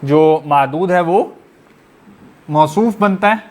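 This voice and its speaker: A man's voice: on the high side, takes it slowly. Methodical male teacher quizzing his online class. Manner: quizzes the class with repeated rhetorical questions; patient, methodical explaining.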